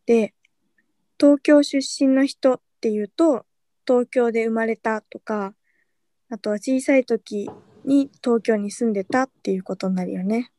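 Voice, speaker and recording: A woman co-hosting a casual podcast, reading out questions and explaining Japanese words in a relaxed way. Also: fairly high pitch, measured pace, dry recording. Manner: relaxed, reads out questions and prompts her partner. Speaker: podcast co-host.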